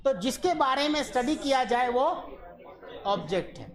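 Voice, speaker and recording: A man's voice: extremely high pitch, animated, normal speed. A man teaching physics in a classroom lecture. He jokes and teases his students, slips English phrases into his explanations and repeats the key terms. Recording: live classroom recording with student chatter. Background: chattering students.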